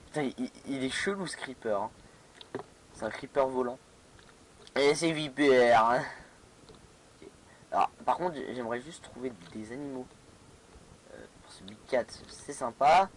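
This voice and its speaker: A young-sounding man chatting through his game session, stumbling over words and filling pauses. His voice sits at a middle pitch. A steady hiss of background noise runs under the recording. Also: poor audio. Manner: hesitant, many fillers and restarts, laughing to himself. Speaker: gamer playing a modded block-building game. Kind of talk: casual let's play commentary.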